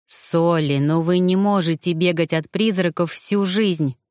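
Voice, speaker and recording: Woman voicing a steady male mage, low, patient and coaxing, dry close sound. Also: a little slow, no room sound, natural voice. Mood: calm persuasive. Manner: calm, coaxing, low-pitched.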